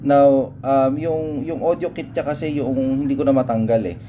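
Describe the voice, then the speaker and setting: A Filipino motorcycle vlogger does a casual, unscripted unboxing and review, mixing Tagalog with English and hesitating as he searches for words. His voice is medium-pitched and warm at a normal pace, with noticeable background noise and room ambience.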